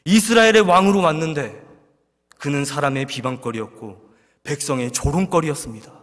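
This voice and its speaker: A male pastor preaching an evening sermon with passion, putting rhetorical questions to the congregation and swinging from loud cries to hushed low lines. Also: a little fast. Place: church sanctuary. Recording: long reverb of a large hall.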